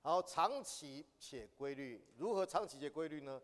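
A man leads a church training lesson, his voice pitched a little higher than most men's. He keeps putting questions to the room and lifts into emphatic appeals. His words ring out with the long reverb of a meeting hall. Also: lively intonation, normal speed. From Taiwan. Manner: asks the audience questions, rising to emphatic exhortation. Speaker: church class teacher.

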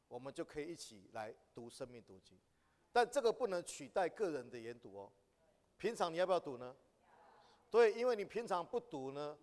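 A man leads a church training lesson, his voice pitched a little higher than most men's. He keeps putting questions to the room and lifts into emphatic appeals. His words ring out with the long reverb of a meeting hall. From Taiwan. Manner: asks the audience questions, rising to emphatic exhortation. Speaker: church class teacher.

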